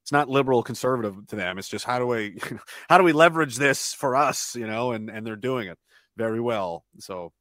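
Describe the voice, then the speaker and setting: A man's voice: medium pitch, lively intonation, brisk, a bit bright, no room sound. A man talking as a podcast guest in a casual, rambling way, often restarting phrases and chuckling between thoughts. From Canada.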